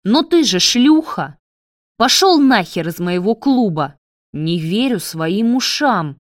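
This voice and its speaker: A woman voicing a jealous, furious man who rages and shouts crude insults at his lover. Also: medium pitch, very animated, slow pace, no room sound, clean studio sound.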